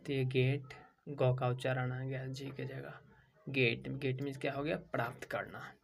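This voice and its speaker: Guy from india teaching a lesson, really slow, kinda gravelly voice, spells stuff out and quizzes himself. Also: medium pitch, little pitch movement. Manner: asks questions and answers them himself, spells words letter by letter; repetitive drilling of each word. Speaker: English teacher. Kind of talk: spoken language lesson.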